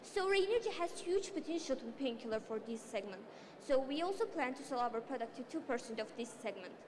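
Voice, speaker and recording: Woman, Azerbaijani accent, high pitch, startup founder's answers, halting repetitive English, reverberant hall. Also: expressive. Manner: halting, repetitive phrasing in non-fluent English. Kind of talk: pitch competition question-and-answer. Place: large event hall. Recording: reverberant hall, faint background noise.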